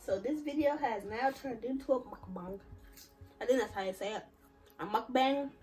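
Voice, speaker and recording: A woman's voice: fairly high pitch, normal speed, warm tone, soft background music, rough recording. A young woman in her early twenties, talking candidly and with giggles to the camera at home in a casual vlog. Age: early 20s. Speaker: vlogger.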